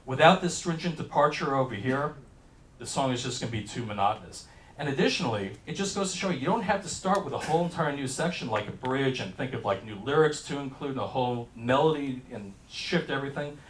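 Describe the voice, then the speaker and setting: A man's voice: mid-range voice, lively intonation, fast talker, recorded from a distance, a little hiss or hum. Man lecturing in a roomy hall. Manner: explanatory, enthusiastic, talks over music examples. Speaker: lecturer on hit song structure. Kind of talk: classroom lecture. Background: song excerpts playing faintly.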